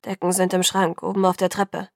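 A worried middle-aged sheriff father speaks to his daughter in a rough but tender voice, as a woman reading a storybook puts him on. The recording is dry and close. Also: lowish voice, little pitch movement, brisk, no room sound.

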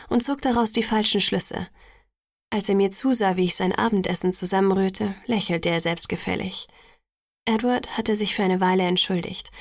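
A woman narrating a novel in the first person in a measured audiobook reading, lightly lifting her voice for the characters. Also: mid-range voice, no echo, clean studio sound.

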